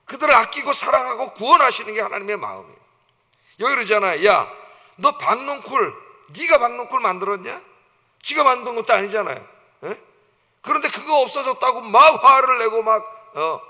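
A middle-aged male pastor giving an animated sermon in a church, telling the story vividly and often checking in with the congregation. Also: high voice. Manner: animated storytelling, acts out quoted voices, often asks "예?" to the congregation. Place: church sanctuary. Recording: church hall reverb.

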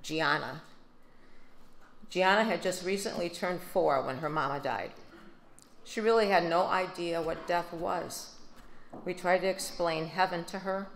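An older woman with a Midwestern American accent, giving a steady, subdued prepared speech at a podium into a handheld mic. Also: on the low side, unhurried, long pauses, a little hiss or hum. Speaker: grieving mother giving a speech. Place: large banquet hall. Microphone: handheld microphone. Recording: echoey banquet hall.

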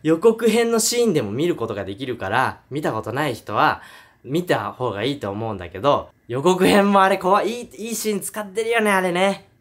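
A man's voice: a little high, fairly quick. A man retelling a horror film in a casual review monologue, acting out scenes with sound effects and voices. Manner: animated storytelling with sound effects and acted voices.

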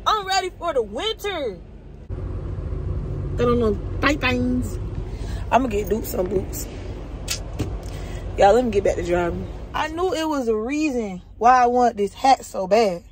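A woman's voice: a little high, animated, a little slow, long pauses, noisy background. A woman, a truck driver chatting candidly to her phone in her truck cab and swearing freely. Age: 20s. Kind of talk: casual vlog chat. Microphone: phone held at arm's length.

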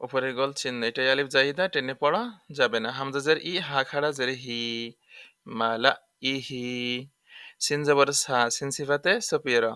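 A man's voice: mid-range voice, steady tone, moderate pace, pushed and bright, clean tone, no room sound, clean studio sound. A man teaching a Quran recitation lesson, spelling out letters and vowel marks one by one and repeating each rule patiently. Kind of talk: tajweed lesson explaining letter by letter.

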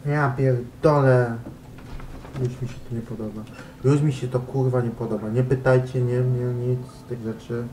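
A man's voice: medium pitch, flat delivery, normal speed, dark tone, slight background noise, low-quality recording. A man playing a horror game and commenting casually, jumpy and profane, who talks to the objects he finds. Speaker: gamer. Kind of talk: casual let's play commentary.

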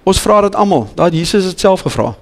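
A man preaching in a church hall, his South African accent and Afrikaans roots plain in every phrase. His voice sits somewhat high and carries an earnest, pleading urgency, stumbling into restarts as he presses his questions. A long reverb trails each line through the hall. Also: lively intonation, fast talker. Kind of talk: bilingual church sermon.

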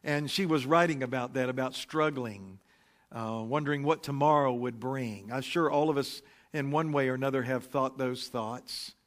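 A man preaching a relaxed, anecdotal sermon into a pulpit microphone, pausing often with fillers. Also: medium pitch. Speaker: pastor. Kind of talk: conversational sermon. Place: church sanctuary.

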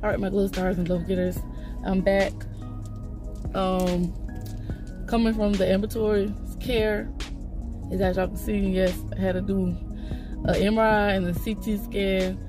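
Parked in her car, a congested vlogger chats casually to her phone camera held close, rambling with plenty of fillers and restarts. Her voice is medium-pitched and level, a little slow with long pauses, and music plays in the background.

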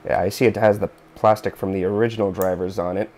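Talking fast in a flat, warm, fairly low voice, this man in his thirties hosts a casual home repair tutorial from a workbench board in his living room. Fillers and little asides pepper his thinking aloud, and a faint hiss or hum is present.

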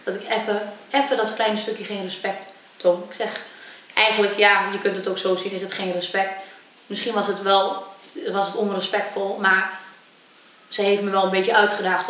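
A young adult woman, a kickboxer, tells her personal story in an interview and acts out the voices she quotes with lively energy. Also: medium pitch, far from the mic. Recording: echoey room, voice from off-mic, faint hiss.

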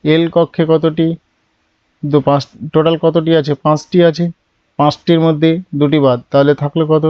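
A man teaching chemistry in a classroom style, patient and step by step, asking questions and then answering them himself in a lower voice. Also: little pitch movement, moderate pace, clear, resonant tone, no echo, dull audio. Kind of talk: classroom lesson.

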